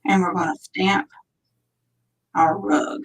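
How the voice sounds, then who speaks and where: A woman speaks in a fairly low, flat voice, taking things slowly, on a rough recording. She's running a live stamping tutorial, chatting and thinking out loud, occasionally almost whispering while her hands are busy.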